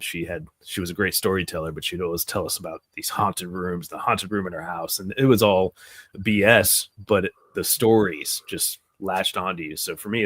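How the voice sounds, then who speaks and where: A man in his forties from Florida, chatting as a guest about his paranormal show in a relaxed, rambling storytelling way over a video call from outdoors. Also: low voice, no room sound, studio quality. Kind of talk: casual chat.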